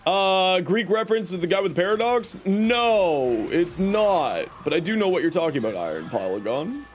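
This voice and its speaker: This gamer's voice sits high and swings widely in pitch at a normal speed. Young and hoarse with a cold, he chats with viewers while playing, answering their messages in a meandering way packed with fillers.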